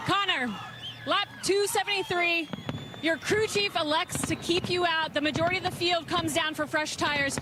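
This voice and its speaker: Female pit reporter, very high, brisk questions, noisy outdoor track. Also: steady tone. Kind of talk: post-race interview questions. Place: outdoors at a racetrack.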